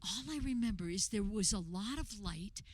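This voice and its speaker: A woman's voice: medium pitch, animated, moderate pace, lightly acted. An actress playing a wondering, troubled mother looking back on her youth in a radio theater monologue, reflective and hesitant. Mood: bewildered, awed. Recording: faint background noise.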